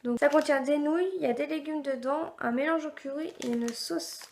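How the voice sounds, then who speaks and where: Chatty high-voiced young woman. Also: brisk, darkish tone, slight background noise. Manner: chatty, rambling, many fillers and restarts. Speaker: beauty and food box vlogger. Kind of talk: casual unboxing chat to camera.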